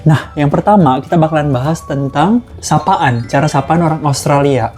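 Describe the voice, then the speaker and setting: A man's voice: a little high, normal speed, music in the background. A man from Indonesia hosting a casual chat over a meal, earnest and chatty, slipping English phrases into his talk. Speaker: vlog host.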